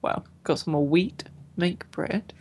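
A woman's voice: lowish voice, slow pace, darkish tone. A young woman in casual gaming chat, a self-mocking beginner who mutters to herself while playing. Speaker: beginner gamer.

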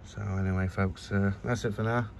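In casual walk-through commentary, a man shows off his windy allotment and later his indoor plants at home, shooting on a handheld phone. He speaks at a moderate pace in a lowish, darkish voice with vocal fry and fairly even intonation, chatty and plain-spoken. Wind noise is heard outside, then the recording moves indoors.

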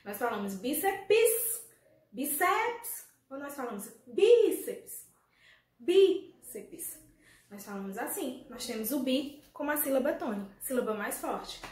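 Teaching primary schoolchildren remotely, a Brazilian woman speaks with a Brazilian Portuguese accent, warmly questioning her pupils. Her voice is a little high and a little fast, with few pauses. There's faint noise in an echoey room.

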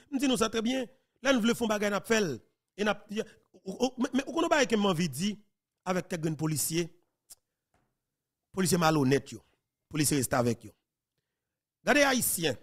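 A man hosting a live news program, commenting excitably and emphatically, with frequent repetition. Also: on the high side. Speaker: news host.

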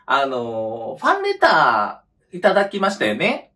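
A man's voice: mid-range voice, huge pitch swings, a little slow, bright, forceful tone, far from the mic. A man in his thirties chatting politely and apologetically as a video host, a little way from the microphone. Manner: courteous, apologetic. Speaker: YouTube host. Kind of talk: casual chat, polite phone call. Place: home kitchen.

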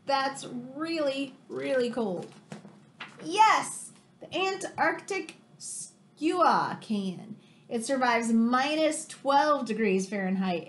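Indoors in a home, a high-voiced American woman in her 30s reads a picture book to kids the way a teacher would. Her delivery is lively and full of exclamations, with conversational questioning asides.

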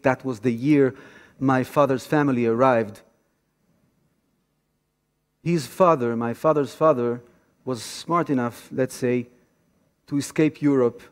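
A Tel Aviv man with a darkish, mid-range voice speaks haltingly as an activist guest lecturer, presenting an informal public talk built around personal storytelling. He is on stage in a large theater auditorium, and the hall is reverberant.

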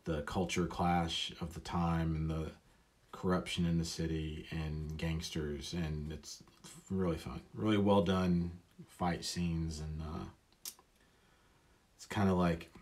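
A man's voice: low voice, fairly even intonation, slow pace, a little mellow. A man talking casually and rambling as he inks a drawing, often mocking himself. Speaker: illustrator. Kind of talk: casual talk while drawing.

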